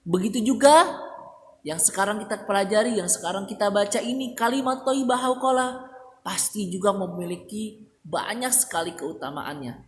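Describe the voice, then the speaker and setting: A man teaching a religion lesson to young children, explaining patiently and drawing out the Arabic phrases slowly. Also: high voice, a bit bright. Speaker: primary school religion teacher. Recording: echoey room with long reverb, faint hiss.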